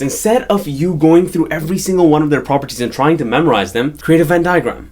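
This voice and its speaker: A young man, a doctor, explaining study techniques to camera in an earnest, explanatory way that leans on key points. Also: fairly high pitch. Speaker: study-skills YouTuber and doctor. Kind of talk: educational video talk to camera.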